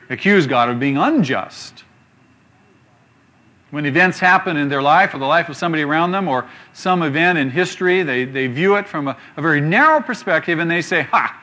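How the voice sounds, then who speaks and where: A man preaching a sermon, reading scripture slowly and asking rhetorical questions with emphasis. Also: on the high side, bright, forceful tone.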